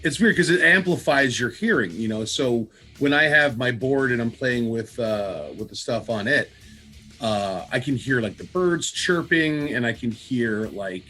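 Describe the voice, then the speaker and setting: A man's voice: mid-range voice, expressive, measured pace, pushed and bright. A middle-aged man hosting a casual podcast, talking in a wry, playful and rambling way. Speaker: podcast host.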